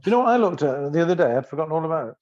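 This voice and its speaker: A man's voice: fairly high pitch, very animated, very fast, darkish tone. A man co-hosting a podcast in casual chat, hesitant and rambling with lots of ums. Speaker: podcast co-host. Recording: slightly dull, muffled sound.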